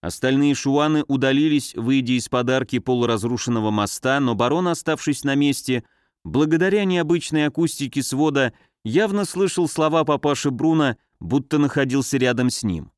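A man narrating an audiobook in an even, measured reading. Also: mid-range voice, clear, resonant tone, no echo, studio quality.

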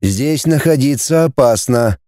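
A man voicing a calm male android protector who speaks in a measured, even monotone. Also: medium pitch, no echo, clean studio sound, natural voice. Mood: steady.

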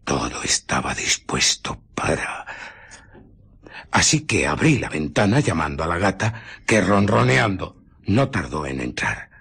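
An obsessive, secretive scientist in a radio play, with an accent from Spain. His deep voice is heavily husky and breathy. He tells his tale with theatrical intensity and dramatic swings of intonation. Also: sing-song, measured pace, a bit bright, heavily acted. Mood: brooding, absorbed. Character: obsessive, irritable male scientist, brooding and secretive. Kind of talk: Spanish radio drama acting.

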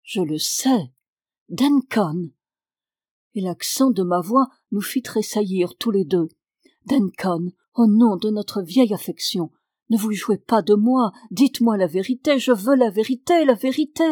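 A woman's voice: medium pitch, expressive, slow pace, darkish tone, dry recording, clean studio sound. A woman reading the part of an anguished, agitated father who pleads urgently in a raised voice, in an audiobook. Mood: pleading.

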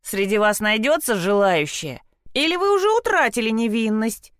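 Cheeky mocking schoolboy from a storybook, pitch jumping all over, dry close sound, woman reading it. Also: lively intonation, moderate pace, a bit bright, no room sound. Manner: mocking, boastful. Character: cocky teasing teenage boy.

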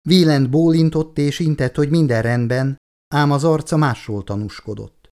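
A man narrating an audiobook in a measured, even reading. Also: a little high, smooth. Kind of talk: scripted narration.

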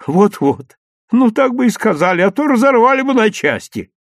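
A fussy old grandmother grumbles and scolds in a high, lilting voice, put on by a male reader. Her folksy chiding swoops up and down, recorded close and dry like a storybook audiobook. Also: very animated, normal speed, no room sound, heavily acted. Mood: grumbling. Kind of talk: audiobook reading.

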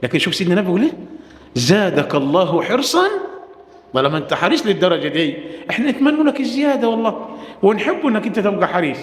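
A man with an Egyptian accent preaching a Friday sermon, impassioned, asking rhetorical questions and stretching some phrases out slowly. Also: high voice, big pitch swings. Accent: Egyptian Arabic. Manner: impassioned, rhetorical questions, swings between drawn-out and rapid phrases. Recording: echoey hall reverb.

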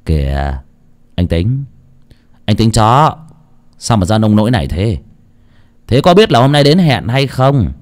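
A man voicing a rough, bullying male debt collector who barks his threats. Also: medium pitch, sing-song, fairly quick, lightly acted. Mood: menacing. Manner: barking, bullying.

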